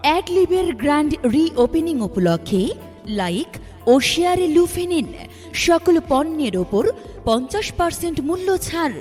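A woman announcing a street advertisement in a loud, drawn-out way, as if over a loudspeaker. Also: extremely high pitch, sing-song. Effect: echoing loudspeaker-style announcement sound. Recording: long reverb with music underneath.

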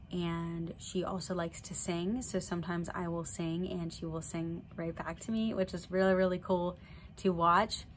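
A young woman with a slight cold, sounding a little nasal, chats casually to camera for a vlog update in an indoor room with a draped backdrop and string lights. Her voice is fairly low-pitched and plain, with fillers like "so yeah," and slight background noise.

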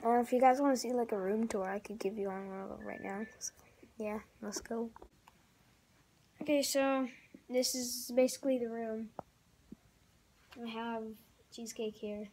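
A young woman chats through a casual homemade vlog without showing her face. Her voice sits a little high. She rambles with plenty of likes and ums, and a faint hiss runs underneath. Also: steady tone, moderate pace, dark tone. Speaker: vlogger. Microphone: off-camera voice, face not shown.

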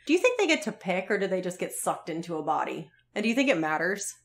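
A woman co-hosting a podcast, casually recapping a TV episode with animated retelling and frequent laughter. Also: fairly low pitch, quick pace. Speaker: podcast co-host.

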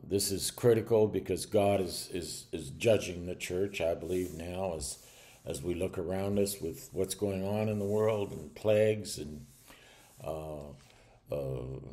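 An older man preaching a stern warning sermon to camera from a small room at home, earnest and halting with restarts. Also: low voice, dark tone.

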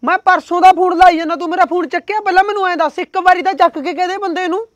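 A man's voice: extremely high pitch, fairly even intonation, fast, dry recording, highs cut off. A young man acting a jealous, hot-headed son who talks in an insistent, demanding way. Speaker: son and temp worker.

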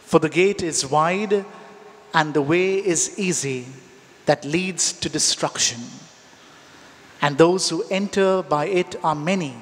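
Priest guy, high-ish voice, reads slow n careful, big cathedral echo all around. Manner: slow, measured, with pauses between phrases. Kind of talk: liturgical reading and homily. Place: large church. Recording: long church reverb.

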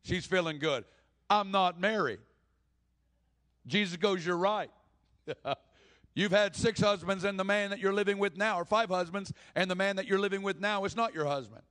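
This is a man delivering an impassioned sermon at a moderate pace, his voice sitting high and a bit bright. He acts out the people in the story he's telling.

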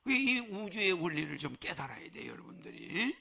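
A man's voice: sits high, very animated, normal speed, creaky, bright, forceful tone, breathy edge. A man preaching to followers in a folksy way, chuckling and throwing rhetorical questions at them. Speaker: religious leader addressing followers. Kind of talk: sermon.

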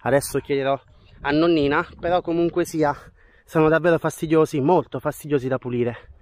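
The countryside farming vlogger chats eagerly to his audience at a fairly quick pace, his voice fairly high, steady, and a little mellow. His held or worn wide-angle action camera follows him from a farm plot outdoors into a small rural room.

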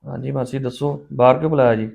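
A man's voice: mid-range voice, quick pace, creaky, a little mellow. A man acting as a young father in a scripted family drama, defensive and hot-tempered, pleading with his aunt.

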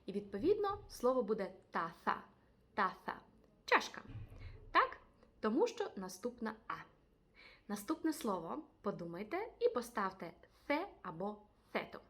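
A woman teaching a language lesson, addressing viewers directly and repeating each word twice, slowly. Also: a little high, sing-song, fairly bright tone. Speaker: Spanish teacher.

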